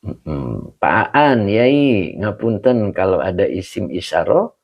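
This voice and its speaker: A man's voice: low voice, big pitch swings, slow, dull audio. A man teaching Arabic grammar in an online class, greeting viewers by name between his explanations.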